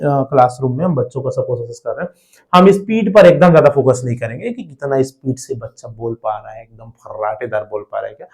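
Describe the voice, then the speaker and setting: A man's voice: fairly high pitch, a little mellow. Indian man teaching with rhetorical questions. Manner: explains step by step with repeated rhetorical questions. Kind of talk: exam prep lesson.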